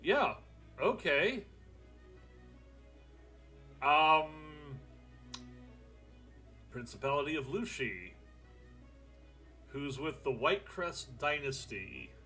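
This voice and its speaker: A man's voice: a little high, very animated, extremely slow, long pauses, sharp tone, faint music behind. Young man rambling over a strategy game. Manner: thinking aloud, rambling, swears casually. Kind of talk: casual gameplay commentary.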